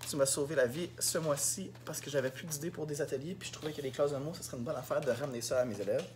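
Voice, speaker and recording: A man's voice: a little high, fast, darkish tone, a little hiss or hum. Chatty Québécois man vlogging his teaching day. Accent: Québécois French. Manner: candid, rambling, heavy on fillers. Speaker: elementary school teacher. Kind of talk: casual vlog diary.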